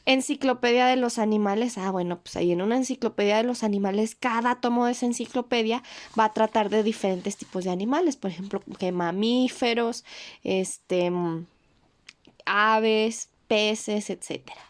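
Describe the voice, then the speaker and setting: A woman with a Mexican accent, a teacher patiently walking pupils through a homework sheet, slowing down on key words and checking in often. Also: mid-range voice. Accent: Mexican Spanish. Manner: slows down to stress key words.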